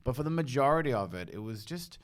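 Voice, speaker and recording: A man's voice: mid-range voice, expressive, fast. A man co-hosting a casual nostalgic chat, rambling and full of fillers, recorded in a library. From Tasmania, Australia. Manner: warm-hearted, rambling with fillers and restarts. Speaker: podcast co-host. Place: public library.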